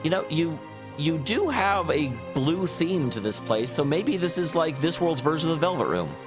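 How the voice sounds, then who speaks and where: A man's voice: a little high, big pitch swings, moderate pace. A man hosting a let's play, giving casual, rambling gaming commentary with speculative and self-deprecating asides. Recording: faint game music behind.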